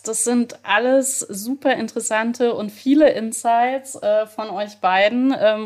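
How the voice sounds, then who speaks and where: A woman hosting a podcast interview, summing up and asking quick questions in an upbeat way, with frequent filler sounds. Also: on the high side. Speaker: podcast host.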